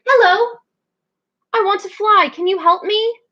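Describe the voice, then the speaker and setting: A woman's voice: very high voice, unhurried, sharp tone, muffled recording, pitched above the performer's own voice, exaggerated voice. A woman doing a timid little penguin girl. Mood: eager. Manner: hesitant and wishful. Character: small timid young penguin girl who dreams of flying.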